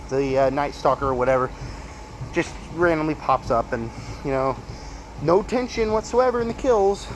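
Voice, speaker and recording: A man giving a casual, emphatic movie review as a video host while walking on a treadmill, halting and repeating himself for stress. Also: on the high side, rough recording. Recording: clear treadmill motor and footstep noise. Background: treadmill noise.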